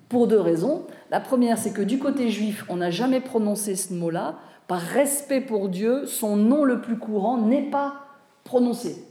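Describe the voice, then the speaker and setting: A woman lectures to a class in a mellow, warm voice, chatty and engaging, forever checking that her listeners follow and putting questions to them. The sound is roomy, with a clear echo off the walls. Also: on the high side. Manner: conversational, often asks listeners questions and checks with "vous voyez", "hein". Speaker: Bible teacher. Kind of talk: live lecture with audience questions.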